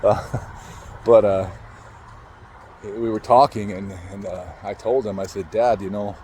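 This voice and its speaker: Male speaker, low and warm, emotional storytelling with halting restarts, faint street ambience. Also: steady tone, slight background noise, poor audio. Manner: halting, emotional, swears casually. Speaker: motivational speaker. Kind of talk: personal storytelling.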